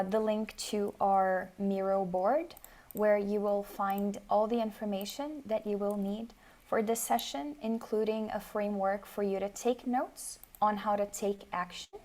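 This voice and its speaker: A woman hosts an online workshop over a video call. Her pitch sits at an ordinary middle height. She keeps things orderly and fills pauses with soft "um"s. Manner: organized, with frequent "um" fillers. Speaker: workshop host.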